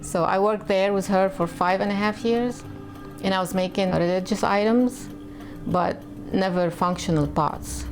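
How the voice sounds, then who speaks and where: Faint music plays as a woman from Lebanon, an artist who works as a potter, shares her personal story in an interview. She has a Lebanese accent and a medium-pitched voice, speaking a little slowly.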